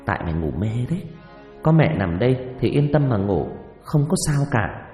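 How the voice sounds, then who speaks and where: A man voicing an older village mother who scolds softly and brushes off her daughter's fears, in an echoey recording with faint music. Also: lowish voice, sing-song, normal speed. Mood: scolding. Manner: soft, dismissive scolding.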